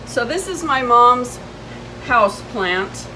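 On a covered porch outside a house, a vlogger in her fifties chats casually to a camera a few steps away, and the outdoor ambience is clearly noisy. Her voice is fairly high, bright and forceful, with lively intonation and a slow pace. She tells a personal story indignantly and emphatically, retelling past exchanges.

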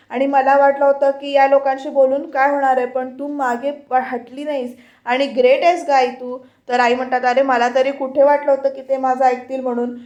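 A woman's voice: high-pitched, a little mellow, roomy sound. A woman narrating a voice-over review of a TV serial, quoting each character's lines and addressing her viewers directly. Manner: retells scenes, quoting each character's lines with little change of voice. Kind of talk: voice-over retelling of a TV serial episode.

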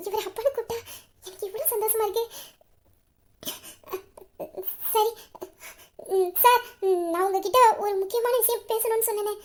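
Brief: a woman voicing an earnest young woman on the verge of tears, very high and fast, pleading, sobs breaking through. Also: fairly even intonation. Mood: tender. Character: young woman, earnest, torn and tearful bride-to-be. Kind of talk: Tamil audio drama acting.

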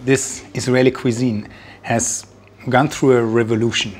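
A man's voice: medium pitch, little pitch movement, a little slow, background noise. A man in his forties hosting a cooking show, chatting appreciatively with a chef in a kitchen. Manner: appreciative, asking questions. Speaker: host. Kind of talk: casual chat with guests. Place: home kitchen.

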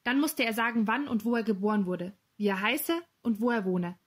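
A woman narrating a children's novel as an audiobook, with clear, lively storytelling. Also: a little high, brisk.

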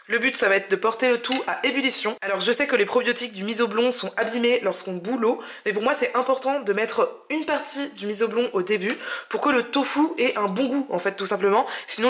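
Young woman, cooking vlog host, fairly high voice, chatty, enthusiastic, home kitchen. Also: fairly bright tone. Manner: enthusiastic, chatty, explains each step. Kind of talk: casual cooking vlog narration.

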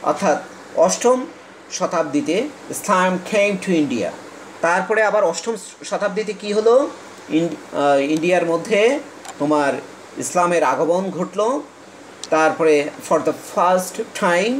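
A man from Bangladesh teaching an English lesson, reading English lines slowly and explaining quickly in Bengali. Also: on the high side, slight background noise, poor audio.

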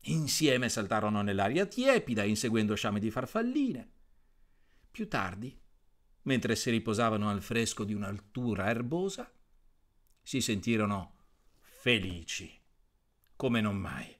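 A priest reading a bedtime story aloud to listeners, telling it expressively with big swings in pitch and loudness. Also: male voice, sing-song, measured pace, long pauses.

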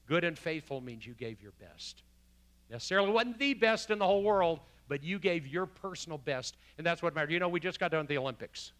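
A man preaching a sermon as the pastor in a church, swinging from loud emphasis to hushed quotes. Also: on the high side, dry recording. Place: church sanctuary.

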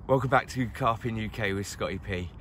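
A middle-aged man chatting excitedly to the camera while fishing by a lakeside, recorded on a handheld camera. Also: lowish voice, a little fast, slight background noise. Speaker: carp angler vlogger. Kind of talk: casual outdoor fishing vlog. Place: lakeside outdoors, crouched by the water.

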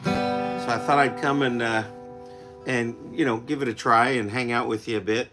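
In his home music room, a forty-something country singer runs a casual livestream, chatting with viewers in a laid-back, filler-heavy ramble. His mid-range voice keeps a steady tone and moderate pace, though it's slightly rough from recovering after he lost it. The mix features a loud acoustic guitar.

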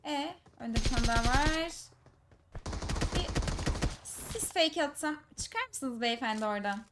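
A woman giving live commentary over her own mobile shooter match, teasing enemy players and breaking into excited shouts. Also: high voice, a little slow, very noisy. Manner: teasing, talks to enemies, bursts of excited shouts. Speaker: gaming streamer. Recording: loud gunfire game audio behind. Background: game gunfire and clicks.

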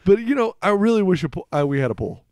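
Lively, playful man on a podcast. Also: high voice, fast talker, clear, resonant tone, no room sound, studio quality. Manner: lively, laughs often, playful. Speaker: podcast co-host. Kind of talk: casual chat.

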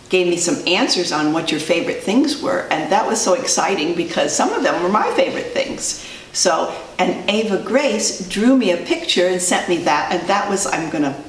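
An older woman, around her sixties, chatting and explaining simply to young children as a preschool teacher. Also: mid-range voice. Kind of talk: video lesson for young children. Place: indoor classroom. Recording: roomy, distant mic, some background noise.

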